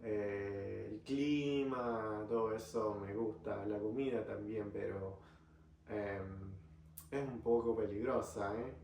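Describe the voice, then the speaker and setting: A man with an Argentine Spanish accent chatting casually in a vlog at home, slow and hesitant with many fillers. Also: lowish voice, steady tone, a little mellow, slight background noise. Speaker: vlogger. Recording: roomy, a bit distant from mic.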